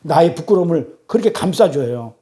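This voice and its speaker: Mellow-voiced woman preaching a teaching sermon. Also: sits low, lively intonation. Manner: teacherly, quizzes the congregation with rhetorical questions; reads scripture and transliterated Hebrew slowly and deliberately. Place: church service.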